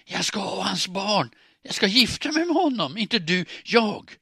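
A man reading an audiobook, voicing a hoarse, frantic young woman who stammers and rushes her words. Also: medium pitch, sharp tone, no room sound, clean studio sound, voice pushed up, exaggerated voice. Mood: shrieking. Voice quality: hoarse, strained.

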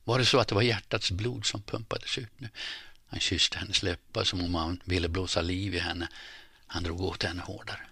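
A man reading a story aloud in measured scripted narration, often dropping to a hushed near-whisper. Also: deep voice, steady tone, slightly rough, no room sound, clean studio sound. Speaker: audiobook narrator.

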